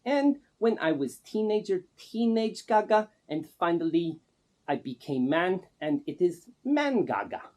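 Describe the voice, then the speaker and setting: A man playing an eccentric self-proclaimed pop star with a put-on Russian accent, speaking in broken English with a deadpan, boastful manner. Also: sits high, measured pace. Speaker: interviewee.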